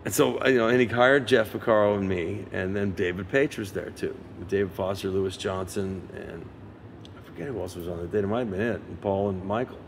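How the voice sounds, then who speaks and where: Lower-voiced older man telling stories. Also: fairly quick, a little hiss or hum. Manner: animated storyteller who acts out quoted voices. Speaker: session guitarist. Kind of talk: casual interview storytelling.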